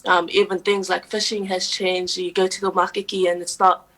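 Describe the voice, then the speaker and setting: Earnest young New woman, flat delivery. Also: fairly low pitch, rough recording. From New Zealand. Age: young adult. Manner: earnest and steady, with frequent "um" pauses. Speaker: guest, poet and youth advocate. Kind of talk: radio interview answers.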